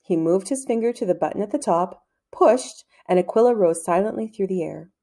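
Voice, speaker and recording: A female storyteller reads a children's novel aloud in measured, clearly phrased narration. Her voice is medium-pitched, expressive and dark in tone.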